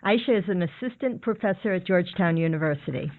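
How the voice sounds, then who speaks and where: A woman's voice: on the low side, lively intonation, fast talker, no room sound. Dry phone-quality woman host. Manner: clear, scripted reading. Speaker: podcast host. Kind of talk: scripted introduction and interview questions.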